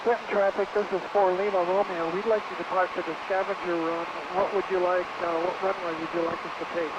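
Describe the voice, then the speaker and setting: Call ground control like a pilot with a light high voice, polite and a bit unsure, through a hissing, breaking-up radio. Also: male voice, level tone, fairly quick, highs cut off. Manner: hesitant, polite requests.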